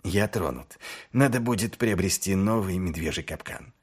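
A man reading aloud as a world-weary male watch commander, middle-aged and sardonic. His voice sits low and quiet, with dry mockery in every line. An audiobook character voice. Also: expressive, normal speed, husky. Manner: dry, mocking, low and subdued.

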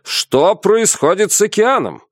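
A man's voice: high voice, sing-song, a little slow, dry recording, studio quality, voice pushed up, exaggerated voice. A man voicing a tense male ship captain who exclaims his questions.

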